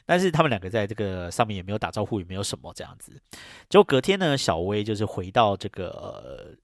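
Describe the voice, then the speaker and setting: A man's voice: very animated, quick pace, no echo, studio quality. A man hosting a podcast, recapping a film's plot in a rambling, casual way, often trailing sentences with filler phrases and acting out characters' lines. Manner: acts out characters' lines with jumps in pitch. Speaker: podcast host.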